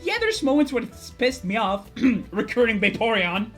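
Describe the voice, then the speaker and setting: A young man talks in a high, youthful voice that could pass for a woman's. He rambles passionately and swears freely in a casual gaming chat, with music underneath. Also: sing-song, normal speed, fairly bright tone. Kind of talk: casual chat about video games. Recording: background music behind the voice.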